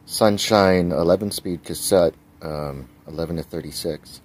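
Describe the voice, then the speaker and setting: This forties-aged cycling vlogger narrates clips of his bike build in a low, darkish voice at a measured pace, keeping it casual and chatty with frequent ums.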